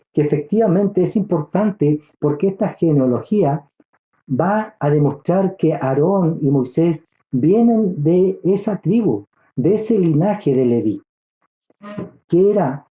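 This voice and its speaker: A man teaches scripture with a very dark, mellow tone set a little higher than most men. His delivery is earnest and halting, restarting phrases and calling his listeners brother. The room around him is echoey. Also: highs cut off. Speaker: Bible study teacher. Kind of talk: Bible study teaching.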